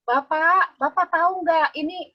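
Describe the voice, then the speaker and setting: A woman voicing a grieving woman disciple who pleads through tears in a high crying voice, over dull call audio. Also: steady tone, unhurried. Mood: tearful pleading.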